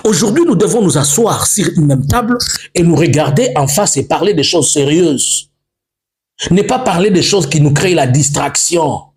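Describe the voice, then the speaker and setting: A man's voice: fairly high pitch, expressive, normal speed. Guy preaching politics, fired up, repeats himself a lot, voice jumps all over. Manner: emphatic, repetitive, switches between French and English. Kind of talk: impassioned political monologue.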